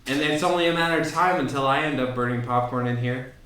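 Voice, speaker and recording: Young man, bright-voiced college podcaster, rambling and cursing, mic a little far off. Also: mid-range voice, quick pace, heavy reverb. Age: young adult. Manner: rambling, heavy swearing. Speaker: podcast co-host. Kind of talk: casual chat. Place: dorm room.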